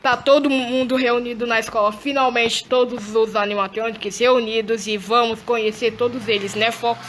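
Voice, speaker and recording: A woman playing through a game role-play, excitable, gasping and repeating her exclamations. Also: medium pitch, a little hiss or hum.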